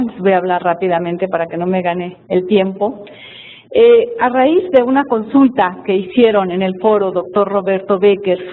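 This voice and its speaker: A woman from Chiapas, giving an earnest, explanatory conference presentation. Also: mid-range voice. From Mexico, Chiapas. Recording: tinny, with long hall reverb.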